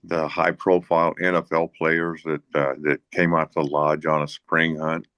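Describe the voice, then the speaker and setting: A man being interviewed as a hunting guide, telling a casual story in a rambling, halting way with many restarts and chuckles. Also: very deep voice, flat delivery, a bit bright, clean tone, no room sound. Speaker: guest, hunting guide and bush pilot.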